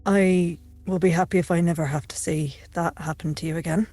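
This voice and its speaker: A woman with a somewhat low voice speaks haltingly at a tabletop game table. She pauses and fills gaps with "like" and restarts. Faint music sits behind her. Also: steady tone, dark tone, dry recording. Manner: hesitant, halting with fillers. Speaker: player.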